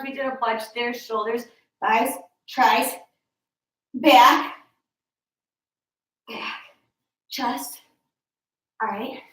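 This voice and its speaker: A fitness instructor with a high, fairly bright voice leads a home workout in a mirrored room, counting reps out loud and cracking chatty jokes between sets. The recording is distant, with a roomy echo.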